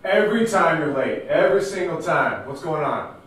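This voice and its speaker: A man's voice: a little high, expressive, moderate pace, fairly bright tone, a little hiss or hum. A young man playing a furious, fed-up boss in a comedy sketch, barking orders like a drill sergeant. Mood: fed up, angry. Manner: barking, commanding. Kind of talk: amateur comedy sketch acting. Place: large indoor studio room with block walls. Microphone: distant camera microphone. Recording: echoey room, far from the mic.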